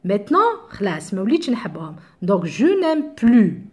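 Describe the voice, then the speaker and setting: A woman's voice: mid-range voice, very animated, quick pace, darkish tone. A woman with an Algerian accent teaching French grammar to middle-school students, explaining step by step with examples and switching into Arabic to clarify.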